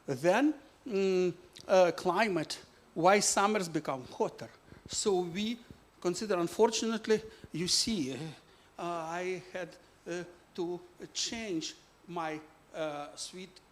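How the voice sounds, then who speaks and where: A man from Ukraine, presenting his physics book in halting full of "uh" fillers. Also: high-pitched. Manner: halting non-native English with many "uh" fillers.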